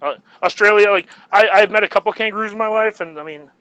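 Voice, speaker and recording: A man's voice: sits high, fast, pushed and bright, smooth, no room sound, highs cut off. A man co-hosting a podcast in casual chat, rambling and jokey. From United States. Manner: rambling and jokey, laughs at his own jokes. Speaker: podcast co-host.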